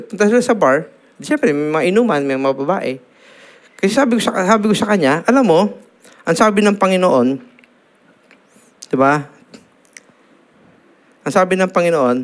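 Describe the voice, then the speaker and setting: A middle-aged Filipino man preaching a sermon, telling stories in lively mixed Tagalog and English and checking in with the congregation with "no?". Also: mid-range voice, clear, resonant tone. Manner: animated storytelling, Taglish with frequent "no?" tags. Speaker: pastor.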